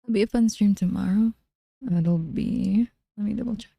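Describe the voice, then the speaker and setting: A woman streamer chatting casually with her live chat in a soft, low-key way. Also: normal speed, vocal fry, breathy edge, no echo, clean studio sound.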